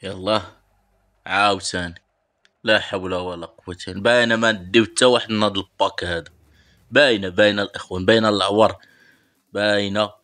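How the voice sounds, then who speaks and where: A Moroccan-accented man talks quickly in a lowish voice as he opens game packs live for his viewers. He chats to them as brothers, mixing sighing pious exclamations with sudden bursts of excitement. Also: clean tone. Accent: Moroccan Arabic. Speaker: mobile football game channel host. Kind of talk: live pack-opening commentary.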